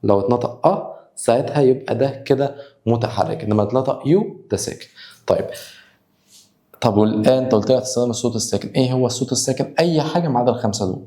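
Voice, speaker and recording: A man with an Egyptian Arabic accent teaching English grammar, repeating example words slowly and sounding them out. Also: medium pitch, dark tone, echoey room. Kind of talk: spoken grammar lesson.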